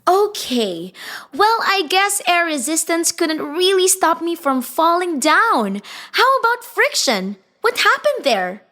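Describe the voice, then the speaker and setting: A woman's voice: very high-pitched, very animated, slow pace, bright, forceful tone, exaggerated voice. A woman playing a curious, whiny, good-humoured young female athlete in an educational audio drama, with playful, questioning exaggeration.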